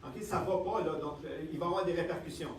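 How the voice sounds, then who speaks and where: A man with a Quebec French accent giving a lively seminar talk and checking in with the audience again and again. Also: on the high side, quick pace. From Canada. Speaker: health speaker. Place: lecture room with audience. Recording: echoey room, distant mic, faint ambience.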